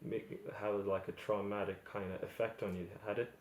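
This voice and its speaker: A man's voice: lowish voice, little pitch movement, normal speed, a little hiss or hum. A man hosting an interview, asking plain, friendly questions in a casual way. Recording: echoey room.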